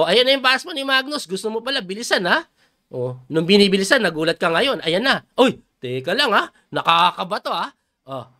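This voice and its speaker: Calling a chess game live, this middle-aged coach from the Philippines gets excited and loud with each move. His voice is very high.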